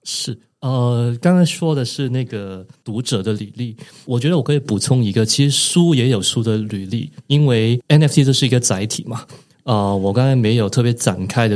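A man, an author and podcast guest, explaining his ideas thoughtfully with frequent pauses. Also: mid-range voice, darkish tone. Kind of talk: podcast interview.

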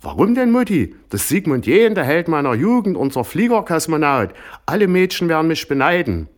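A man's voice: very animated, a little fast. A man voicing a bratty, starstruck teenage girl who screeches. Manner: shrill, screeching.

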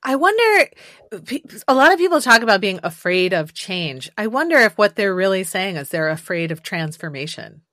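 A woman's voice: mid-range voice, moderate pace, no room sound. Curious woman host, dry close sound. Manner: curious, relaxed, uses fillers. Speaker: podcast host. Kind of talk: conversational podcast interview.

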